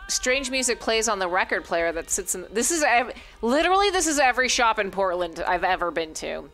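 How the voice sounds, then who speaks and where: A woman streamer reading a story game aloud, breaking off into animated, crude jokes. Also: mid-range voice, fairly quick.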